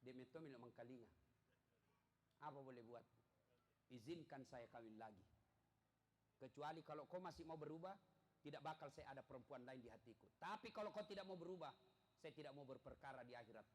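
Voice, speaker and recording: A firm husband, as a preacher puts him on, lays down an ultimatum in a low, measured, serious voice. He speaks steadily and gravely, never raising his voice. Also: animated, slight background noise, close to an everyday voice. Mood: stern.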